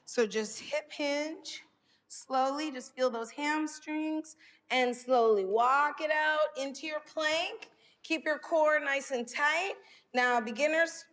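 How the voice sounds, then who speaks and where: A high-pitched woman leads a stretching workout while exercising along. She gives slow, encouraging instructions with timed breathing cues. Her voice rings with long reverb, as in a hall. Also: fairly bright tone. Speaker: fitness instructor.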